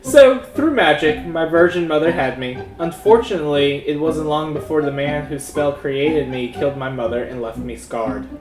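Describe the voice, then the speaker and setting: A man's voice: fairly high pitch, moderate pace, few pauses, music in the background, natural voice. A man playing a smug, mischievous tabletop gamer in a comedy sketch. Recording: echoey room.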